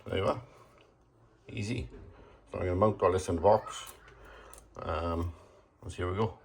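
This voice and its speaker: Male hobbyist demonstrator, low and creaky, matter-of-fact and casual, recorded amid ambient noise. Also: fairly even intonation, normal speed. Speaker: hobbyist demonstrating a homemade gadget. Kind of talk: casual hands-on demonstration commentary. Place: shed and garden, partly outdoors.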